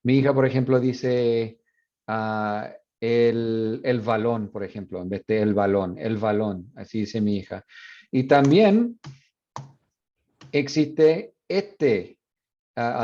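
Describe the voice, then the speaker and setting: A university teacher explaining sound changes in a bilingual classroom lecture, mixing in English asides with frequent fillers. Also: male voice, lowish voice, animated, slow pace, dark tone, muffled recording. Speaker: university Spanish phonetics teacher.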